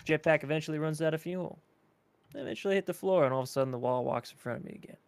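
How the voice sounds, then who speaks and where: A man's voice: fairly high pitch, racing, creaky, darkish tone, smooth. A man playing a world-weary drinker. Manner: weary, confiding, rambling advice.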